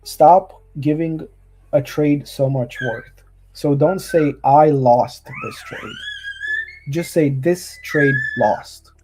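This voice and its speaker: A man's voice: fairly high pitch, huge pitch swings, takes it slowly, over music. A man from Romania, a guest trader, gives earnest motivational advice in casual chat over a video call, often restarting his sentences.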